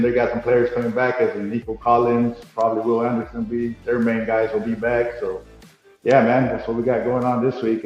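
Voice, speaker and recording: Talking over a video call as a podcast co-host, this man keeps the fan chat relaxed and rambling. The room is freshly painted and only half set up, which gives his voice a big, booming hall echo. The sound is dull and lo-fi, and faint music plays in the background.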